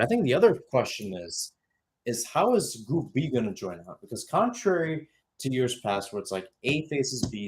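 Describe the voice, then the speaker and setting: Medium in pitch with a breathy edge, this young male commentator narrates a soccer match like a live radio broadcast. His call wanders into chatty, rambling tangents, and he fixes his own slips as he goes.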